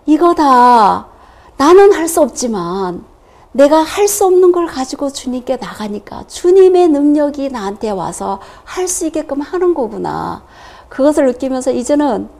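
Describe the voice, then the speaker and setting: A woman giving a personal testimony in church, telling her story in a lively way and acting out the dialogue. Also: high-pitched.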